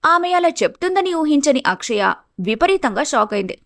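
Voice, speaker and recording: A woman narrating a family story in a steady, dramatic storytelling manner. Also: high voice, moderate pace, no echo, clean studio sound.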